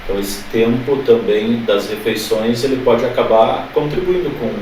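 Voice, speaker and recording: A man's voice: mid-range voice, moderate pace, darkish tone, distant mic. A Brazilian man asks interview questions, restarting his sentences often. He sits well back from the microphone. The sound is very echoey with faint noise underneath. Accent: Brazilian Portuguese. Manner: hesitant, many restarts.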